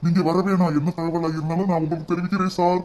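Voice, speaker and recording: A man's voice: high-pitched, little pitch movement, fast talker, a little mellow, natural voice. A man voicing a polite company manager who reports formally and calls everyone sir. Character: dutiful male company manager, calm and formal.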